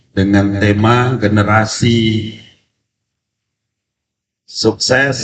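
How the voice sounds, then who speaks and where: Slow-speaking preacher with a cold. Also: male voice, fairly low pitch. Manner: slow, deliberate delivery. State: has a cold. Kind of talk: religious lecture with storytelling. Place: community religious event. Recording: distant, echoey, dull PA sound.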